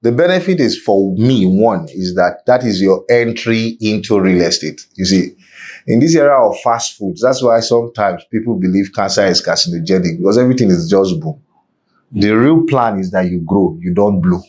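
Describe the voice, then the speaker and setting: A man's voice: lowish voice, animated, moderate pace, darkish tone. A man with a Nigerian accent speaking as an interview guest, making his points emphatically with parables and rhetorical questions, like someone preaching. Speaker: podcast guest, real estate business executive. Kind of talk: conversational interview with opinionated advice.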